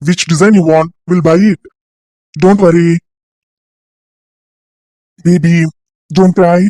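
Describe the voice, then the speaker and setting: A woman voicing a gentle middle-aged father in a cartoon story, coaxing and reassuring in a calm, steady way. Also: fairly low pitch, drawn-out words, dry recording, pitched below the performer's own voice. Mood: soothing. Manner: coaxing, reassuring, mixes English into Tamil.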